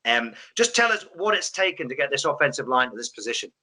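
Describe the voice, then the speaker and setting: A man's voice: medium pitch, very animated, quick pace, pushed and bright. A man interviewing coaches on a sports live stream, chatty and prone to restarting his questions. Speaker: interviewer at a football final.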